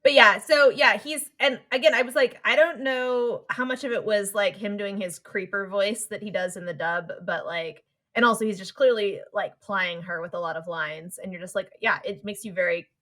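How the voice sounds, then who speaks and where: A woman's voice: medium pitch, normal speed, a bit bright. A woman in her thirties co-hosting a podcast in casual chat, playful and acting out quoted lines. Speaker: podcast co-host.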